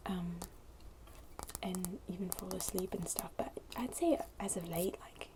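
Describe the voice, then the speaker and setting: This ASMR video creator speaks unhurriedly in a lowish, very soft, breathy near-whisper, chatting casually and somewhat hesitantly with her viewers. She sits at a wooden table indoors while her fingernails tap and scratch a glass bottle, adding clicky noise over her close voice.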